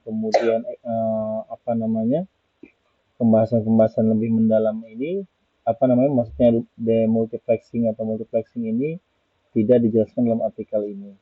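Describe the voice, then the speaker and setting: An Indonesian student with a slightly rough, husky, mid-range voice presents slides informally as he reviews an article. He goes point by point, haltingly, often repeating himself. The audio is thin and narrowband like a phone line, with no room sound.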